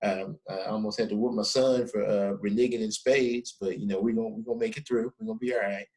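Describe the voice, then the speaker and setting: A man's voice: fairly low pitch, fairly even intonation, fast, darkish tone, rough recording. A middle-aged man hosting a podcast, chatting casually and emphatically with his guest, often tossing in "man". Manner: emphatic, peppers speech with "man". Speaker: podcast host. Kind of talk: casual interview chat.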